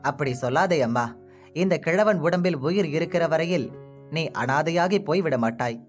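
A man voicing a kindly, protective old village grandfather with a gentle, fatherly manner in a storybook reading. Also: a little high, moderate pace, faint music behind, natural voice. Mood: tender.

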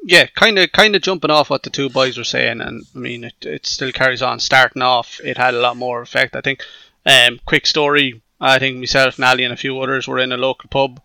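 A man's voice: mid-range voice, steady tone, a little fast, creaky, sharp tone, smooth, dry recording. An Irish man co-hosting, telling things casually in a group chat.

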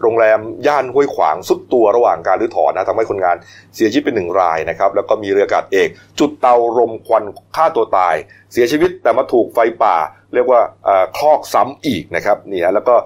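A man hosting a news talk show, chatting casually with co-hosts and using many polite particles. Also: fairly low pitch. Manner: chatty, many polite particles, rising excitedly when retelling.

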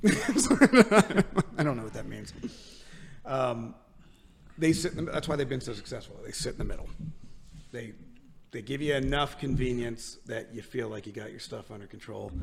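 A man's voice: medium pitch, fairly even intonation, creaky, a little hiss or hum. An American man co-hosting a tech podcast, rambling in casual chat, joking at his own expense and laughing often. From United States. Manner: rambling, self-mocking, quick to laugh. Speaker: podcast co-host.

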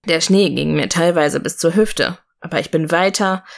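A woman voicing a gentle father who calmly tells his child a story from his youth, in an audiobook. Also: lowish voice, moderate pace, creaky. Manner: calm storytelling tone. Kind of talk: audiobook reading.

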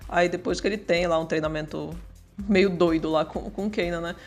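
A woman's voice: lowish voice, fairly even intonation, fairly quick, darkish tone, soft background music. A woman on a casual podcast chat, knowledgeable and explanatory, laying out background details at length. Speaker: podcast guest.

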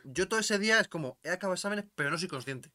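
A young man co-hosts a casual podcast chat and tells his stories with excitable energy. His voice is bright and sharp and he talks very fast. The sound is close and dry, with no room echo. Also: high-pitched. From Spain. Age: young adult. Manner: excitable storyteller, bursts of laughter. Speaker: podcast co-host.

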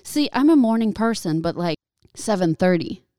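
A woman in her thirties chatting casually, candid and animated, swearing freely. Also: medium pitch, normal speed, no echo, studio quality. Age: 30s. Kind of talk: casual chat.

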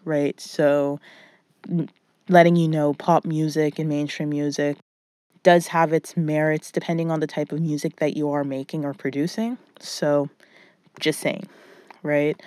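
A woman talking casually on a solo podcast in an informal, halting, rambling way, muffled in a closet with hardly any reverb. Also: deep voice, level tone, a little mellow. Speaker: podcast host and music producer. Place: recorded in a small clothes closet indoors. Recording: muffled, dry closet sound. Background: nothing, little reverb.

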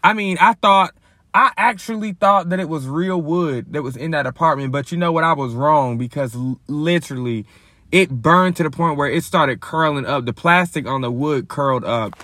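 Slangy, lively storytelling guy. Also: fairly high pitch, normal speed, no echo, clean studio sound. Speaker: vlogger. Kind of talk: casual storytelling to viewers.

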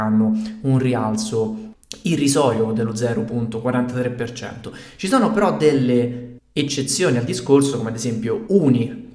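A man hosting a weekly market update, reading figures out methodically, with low-quality audio recorded while traveling. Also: a little mellow, roomy sound. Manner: methodical, reads out figures steadily. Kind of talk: scripted market commentary. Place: temporary room while away from home.

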